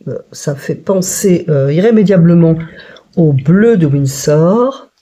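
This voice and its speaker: A woman's voice: lowish voice, lively intonation, slow pace, dark tone. A woman talking through a watercolour palette test in a chatty, hesitant way, thinking aloud with frequent fillers. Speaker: watercolour painter testing a palette. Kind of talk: casual tutorial narration.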